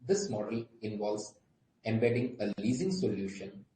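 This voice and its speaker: A man with an Indian accent, a company executive, gives a formal prepared talk on an earnings call, reading from a script. His warm, fairly low voice is animated and moves at a moderate pace. Echo from the room and faint background noise are audible.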